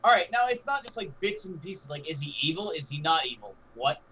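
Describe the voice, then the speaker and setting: A man's voice: a little high, very animated, a little fast, background noise. A man playing a tabletop game, pressing the game master with insistent questions. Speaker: player.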